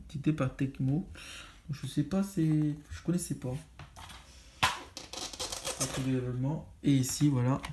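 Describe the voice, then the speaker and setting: Male vlogger, mellow and rambling, faint background hiss. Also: mid-range voice. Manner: rambling, many fillers and restarts. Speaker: video game collector vlogger. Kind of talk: casual haul review.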